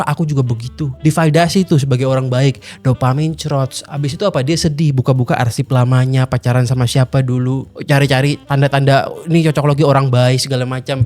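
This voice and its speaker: A man hosting a casual commentary, blunt and mocking in manner. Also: medium pitch. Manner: blunt, mocking, animated slang-heavy talk. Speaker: host. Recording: faint music underneath.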